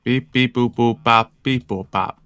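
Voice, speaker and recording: A man's voice: medium pitch, steady tone, measured pace, a bit bright, clear, resonant tone, no room sound, clean studio sound, natural voice. A man on a casual gaming stream making playful robot beep noises as a joke. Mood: joking. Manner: playful, teasing.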